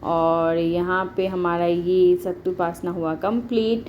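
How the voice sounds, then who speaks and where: A woman in her thirties narrating a home vlog, calmly explaining each step of a family ritual. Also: lowish voice, slow, muffled recording, slight background noise. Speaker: vlogger. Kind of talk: casual voice-over narration of a family festival vlog.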